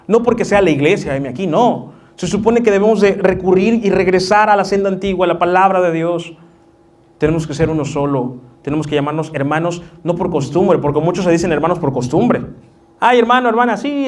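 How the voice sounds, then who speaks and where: Pastor, male, higher voice, lively sermon delivery with acted-out quotes. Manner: acts out quoted voices of churchgoers, lively preaching.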